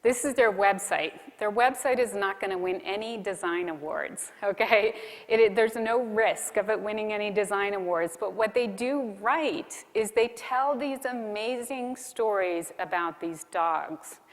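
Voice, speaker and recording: A keynote speaker talks about content marketing in a big conference hall, and the recording carries a long hall reverb. She keeps it conversational, asking the audience questions, in a medium-pitched voice that runs a little slow with hardly any pauses.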